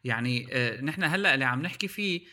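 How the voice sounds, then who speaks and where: Fast, bright Levantine Arabic male talker. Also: mid-range voice, expressive. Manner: mixes English words into Arabic. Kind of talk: casual tech discussion.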